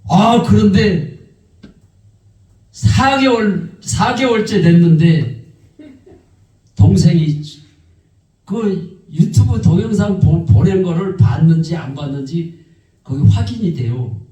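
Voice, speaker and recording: A man's voice: sits high, takes it slowly, long pauses. A male pastor telling a testimony in a sermon, acting out the people in his story. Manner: animated, acts out quoted voices. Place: church sanctuary. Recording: echoey church hall, mic far off.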